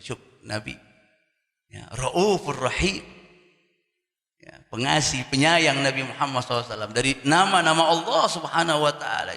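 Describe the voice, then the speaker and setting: A man's voice: medium pitch, vocal fry, sharp tone. A man preaching a sermon, asking rhetorical questions and chanting Arabic verses. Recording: echoey hall with long reverb.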